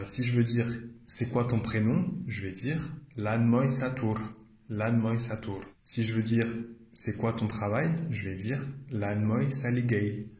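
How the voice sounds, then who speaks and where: A man's voice: lowish voice, a little mellow, roomy sound. A man giving an explanatory video lesson as a language teacher, patiently repeating each phrase with frequent hesitations.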